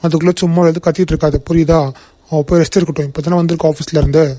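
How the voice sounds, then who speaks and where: A calm young man, voiced by a man in a cartoon, speaking in a mellow, mid-pitched voice. He reasons patiently and plainly, dry and close to the mic. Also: racing, no echo, close to an everyday voice. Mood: firm. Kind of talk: cartoon voice acting.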